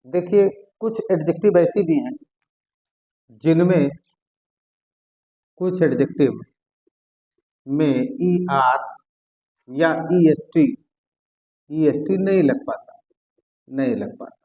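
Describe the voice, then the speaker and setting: A man teaching an English grammar lesson, often repeating key words slowly as he writes them on the board. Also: a little high, animated, mellow, low-quality recording.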